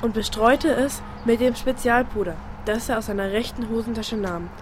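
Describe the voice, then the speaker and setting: A woman's voice: fairly high pitch, fairly even intonation, normal speed, noisy background, natural voice. A woman doing a bossy girl reading aloud. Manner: dramatic read-aloud, snappish asides.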